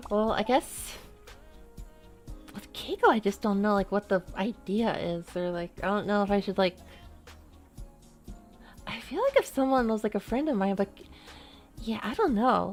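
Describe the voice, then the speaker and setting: This VTuber streamer is a woman talking casually during a game, her chatty, rambling speech packed with "like" fillers. Her voice is medium-pitched and slightly mellow.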